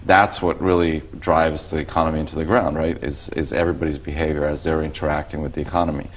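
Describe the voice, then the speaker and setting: Low male voice, from Costa Rica, teacherly guest who explains plainly. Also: level tone, fast talker. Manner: explanatory, conversational. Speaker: economics instructor, guest. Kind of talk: explaining casually on a talk show.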